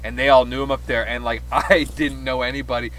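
A man's voice: medium pitch, level tone, a little fast, a bit bright, a little hiss or hum, low-quality recording. A young man in casual chat with friends, telling stories in a loose, profane, giggly way.

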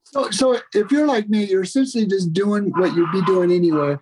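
A man speaking as a podcast guest in casual, laid-back chat, halting and repeating his phrases. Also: high voice, noisy background.

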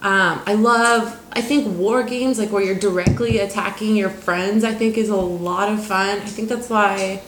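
A woman's voice: mid-range voice, steady tone, a little slow, few pauses, a bit bright. A woman co-hosting a casual board game review chat, enthusiastic and gushing, with lots of ums and casual swearing. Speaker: board game show co-host. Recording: roomy echo, faint noise.

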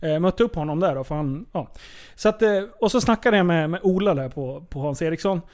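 A man's voice: fairly high pitch, lively intonation, darkish tone. A man co-hosting a casual podcast chat, joking and rambling through stories. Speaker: podcast co-host.

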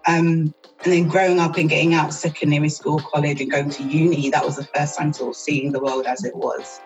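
A woman, a guest on an interview podcast. She talks in a relaxed, chatty and thoughtful way and laughs often. Faint music runs underneath her voice. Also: low-pitched, brisk, dull audio. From South East London, England. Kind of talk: casual interview chat.

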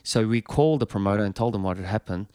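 A man's voice: on the low side, fast talker, darkish tone, clean tone, no echo, studio quality. A touring musician, a man, telling a long anecdote with a rambling manner full of fillers and restarts.

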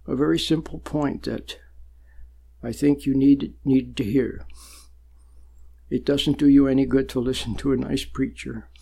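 A man giving a sermon-like spiritual talk, slow and deliberate, with long pauses and sudden emphatic rises. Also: medium pitch, fairly even intonation, creaky, mellow, husky. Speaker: spiritual teacher.

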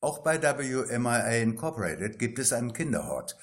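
Brief: male narrator for a weekly satirical audio story, dry and ironic, average pitch. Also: big pitch swings, normal speed. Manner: dry, ironic storytelling that reads every part himself.

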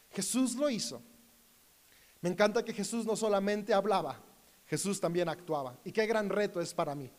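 A man with a high, bright voice preaches an earnest sermon straight to a camera. He tells a story about his own family and quotes both sides of the conversation. A long reverb trails behind his voice. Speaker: pastor.

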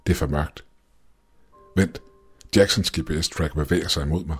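Male reader playing a nervous mission leader in a horror story; very deep, breathy, commanding. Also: fairly even intonation, faint music behind, full character voice. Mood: tense. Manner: urgent, commanding. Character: male astronaut leader, tense, fraying nerves.

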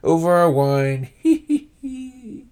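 A chained, drunken nobleman, as a man puts him on cackles in shrill, high bursts. His voice climbs well above the reader's own, strained and unhinged. It is a spoken storybook performance. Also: sing-song, slow, dark tone. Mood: manic giggling. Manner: shrill giggling, pleading.

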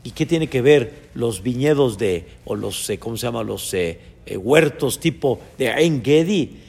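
A man teaching as a rabbi, giving a Torah lesson in a lively way that swings between loud emphasis and soft asides. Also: medium pitch, a little slow, gravelly, slightly rough. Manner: chants short verses in the original text. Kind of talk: Torah lesson on a biblical text. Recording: reverberant hall with faint background noise.

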